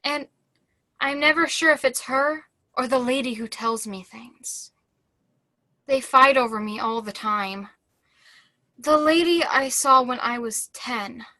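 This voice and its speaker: A young woman acts a devout, troubled teenage nun in a high, bright, childlike voice, speaking slowly and haltingly like a theatre monologue. She sounds earnest, fragile and haunted, fully in character. Captured over a video call, the sound is dry and close with no echo.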